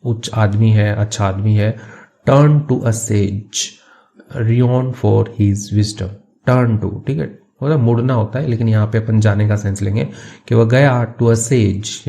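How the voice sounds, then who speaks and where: Low, mellow-voiced teacher. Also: male voice. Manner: reads English phrases slowly, then explains quickly in Hindi; casual, with fillers like "theek hai". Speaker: English teacher. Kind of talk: explaining an English story line by line in Hindi.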